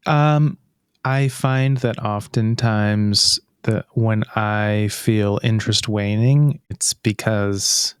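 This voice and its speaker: A man in a casual podcast conversation, talking in a calm, thoughtful and measured way. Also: lowish voice, smooth.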